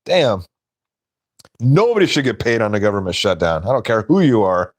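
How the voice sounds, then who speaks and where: A man's voice: fairly low pitch, sing-song, normal speed. A man hosting a casual live stream, rambling and laughing at his own stories.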